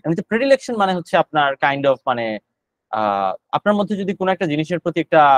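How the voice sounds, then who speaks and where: Fast-talking male vocabulary tutor. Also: fairly high pitch, no room sound, low-quality recording. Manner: explains words in Bengali, mixing in English terms and filler sounds; repeats each word several times while explaining. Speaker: GRE vocabulary instructor. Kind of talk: live online vocabulary class.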